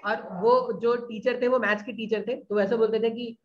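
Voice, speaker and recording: On a dull lo-fi recording, a man with a very high voice speaks in a level tone at a moderate pace. He runs his class informally, regularly pausing to confirm the students follow.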